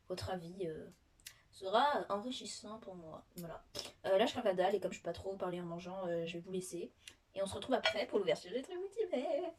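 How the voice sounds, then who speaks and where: A teenage girl talks through an unboxing in a loose, rambling way, full of fillers and restarts. Her voice sits at an ordinary pitch, and she often drops to a whisper because it is late at night. A faint hiss runs under the recording. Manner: chatty, rambling, many fillers. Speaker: vlogger. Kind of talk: casual unboxing vlog. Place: bedroom at night.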